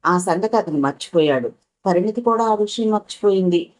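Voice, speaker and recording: A woman narrating a spoken story in a steady, measured reading. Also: mid-range voice, low-quality recording.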